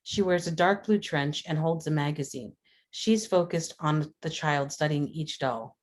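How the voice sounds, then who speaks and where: At a table read, a woman reads screenplay stage directions as scripted narration in a matter-of-fact delivery. Her voice is low-pitched and her pace measured.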